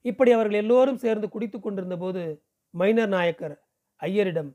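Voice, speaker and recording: A man from Pondicherry reading a novel aloud in a steady storytelling delivery. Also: high-pitched, a little fast. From Pondicherry, India. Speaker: audiobook reader.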